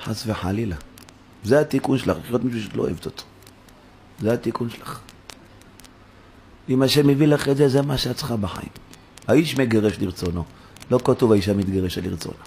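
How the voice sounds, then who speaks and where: A man's voice: long pauses, a little mellow, slight background noise. A man preaching a sermon as a rabbi in a synagogue, his voice rising sharply and urgently as he acts out prayers. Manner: impassioned, voice rising high when voicing prayers.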